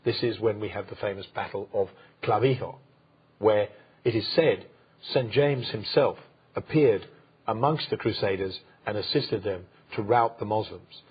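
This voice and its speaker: A man with a very husky, breathy voice, pitched a little low, talks his way through history without a script. He stops often, fills the gaps with "uh", and restarts his phrases. The sound is dull and lo-fi. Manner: halting, many fillers and restarts. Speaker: co-host, history presenter. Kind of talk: unscripted history talk.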